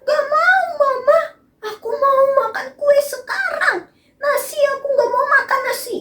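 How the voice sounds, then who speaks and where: Whiny, demanding small child, high pleading wail, put on by a woman; roomy, distant sound. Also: measured pace, pushed and bright, full character voice. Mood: tantrum. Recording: roomy, from far off.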